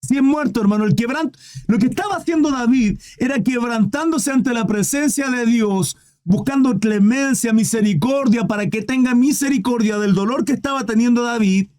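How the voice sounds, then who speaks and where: A man's voice: extremely high pitch, normal speed, a little mellow. A man preaching a sermon with fervent, questioning delivery, often calling listeners "brother".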